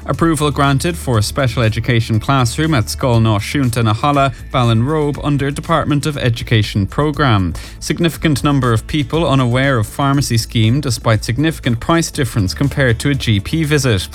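A man's voice: medium pitch, fairly quick, hardly any pauses, faint music behind. An Irish man presenting scripted news headlines and weather on the radio.

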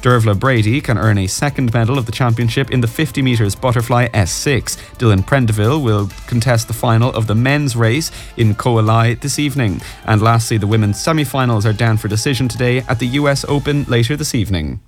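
A man's voice: mid-range voice, brisk, few pauses, faint music behind. Irish man reading a radio bulletin. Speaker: radio news and sport reader.

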